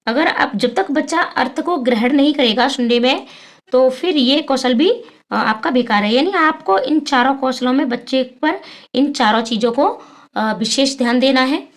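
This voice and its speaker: A high-pitched woman teaches an exam-prep lesson. She poses questions to her students and answers them herself, stopping often on fillers. She keeps the pace of a classroom explainer. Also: moderate pace.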